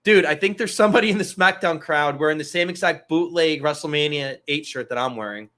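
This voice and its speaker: A man's voice: a little high, a little fast, bright, forceful tone. A man hosting a casual wrestling talk show, loose and profane, rambling through asides. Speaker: podcast host.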